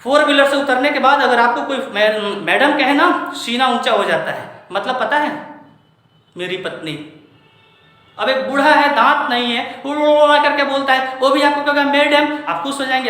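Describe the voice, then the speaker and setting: A man's voice: very high voice, normal speed, bright, forceful tone. A man from India giving a spoken lesson, lecturing in a rhetorical way and putting questions straight to his listeners. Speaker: teacher. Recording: very echoey room.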